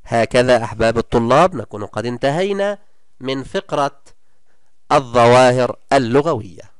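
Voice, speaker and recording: A man teaching a primary school class in a recorded lesson, encouraging and praising his pupils often and drawing out example words slowly. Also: mid-range voice, animated, clear, resonant tone, dry recording, studio quality.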